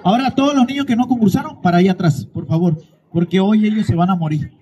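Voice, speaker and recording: A man's voice: high voice, fast, warm tone. A Mexican man hosting a children's contest as a street comedian, teasing with mock-dramatic outbursts on a handheld mic. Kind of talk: comic crowd banter with a mic.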